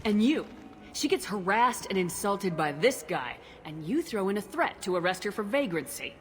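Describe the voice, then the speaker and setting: A woman's voice: mid-range voice, very animated, moderate pace, a little hiss or hum, natural voice. An actress playing a confident, blunt female space commander in a video game. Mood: indignant. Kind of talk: video game character acting.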